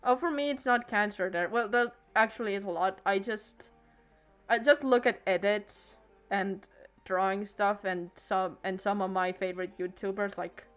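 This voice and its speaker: Faint music sits under the voice of a girl in her late teens streaming from home on a desk mic. Speaking at a normal speed and an ordinary middle pitch, she chats loosely and hesitantly, with many restarts and trailing thoughts.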